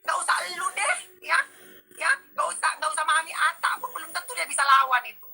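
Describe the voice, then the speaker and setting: Woman, loud dramatic gossip storyteller, piercing tone, phone-line sound. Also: very high-pitched, brisk, creaky. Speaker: social media personality. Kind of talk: casual gossip chat.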